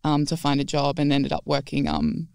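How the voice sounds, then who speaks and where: A woman's voice: low-pitched, sing-song, moderate pace, creaky, a little mellow, clear, resonant tone, dry recording, clean studio sound. A young woman, a podcast guest, chatty, laughing easily and using many ums. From Australia. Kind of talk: casual podcast chat.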